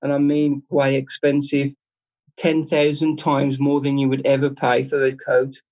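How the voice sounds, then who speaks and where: A man giving an informal devotional talk at a church service, speaking earnestly and conversationally with halting restarts. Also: mid-range voice, monotone, a little mellow, poor audio.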